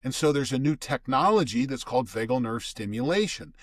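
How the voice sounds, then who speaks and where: A man's voice: medium pitch, animated, a little fast, dry recording. An older man talks as a podcast guest in a mid-range voice, explaining at length like a seasoned storyteller. He often stops and restarts a phrase before going on. The recording is dry and close. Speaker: guest expert. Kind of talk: casual conversational explaining.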